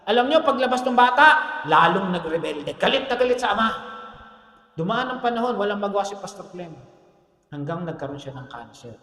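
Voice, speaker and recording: High-voiced Filipino pastor in echoey hall. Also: male voice, big pitch swings, brisk. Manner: switches between Tagalog and English, asks the congregation "Amen?"; swings between soft low storytelling and loud emphatic points. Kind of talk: sermon. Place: church hall. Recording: roomy, echoey church hall.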